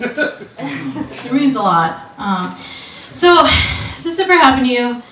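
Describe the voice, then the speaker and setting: Slow deadpan woman doing stand-up. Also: high-pitched. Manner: deadpan, slow delivery with frequent ums and chuckles. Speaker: stand-up comedian. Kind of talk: stand-up comedy set. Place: small club stage. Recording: roomy echo from a distance.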